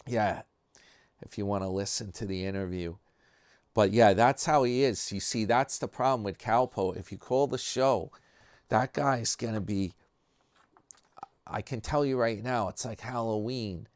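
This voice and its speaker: A man's voice: lowish voice, measured pace, a little mellow, dry recording. A man with a New York accent talking in a loose, rambling commentary style, full of fillers and restarts. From New York area. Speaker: commentary vlogger.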